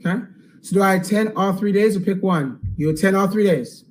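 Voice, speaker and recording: A man hosting a live webinar Q&A, upbeat and salesy, checking in with "okay?" and going hoarse. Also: high voice, brisk, slight background noise, poor audio. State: losing his voice. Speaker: online course host.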